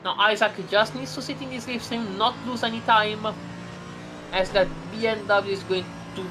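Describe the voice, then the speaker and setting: A woman giving live sim racing commentary, chatty and rambling, breaking into excited exclamations. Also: mid-range voice, normal speed, background noise.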